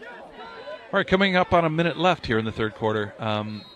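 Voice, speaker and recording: A man calls a live match in a measured, slightly halting way, scattering ums between his points. His pitch sits squarely in the middle, and he turns jovial when he jokes with his partner. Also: lively intonation, a bit bright. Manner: measured, hesitant with fillers, jovial. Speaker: play-by-play commentator and coach. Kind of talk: live sports commentary.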